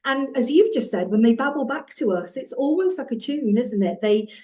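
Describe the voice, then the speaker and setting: A woman's voice: fairly high pitch, expressive, normal speed, warm tone. A woman guest on an early years podcast, explaining in a fluent, teacherly way. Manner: fluent, explanatory, slips into a sing-song voice for examples. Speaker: guest from a children's music and movement company. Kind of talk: podcast interview.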